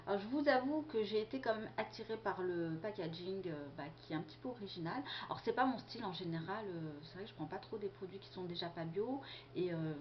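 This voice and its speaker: A woman's voice: mid-range voice, fast talker, slight background noise. Chatty young woman, dull lo-fi sound. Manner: chatty, hesitant, many fillers. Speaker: beauty vlogger. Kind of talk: casual product haul video.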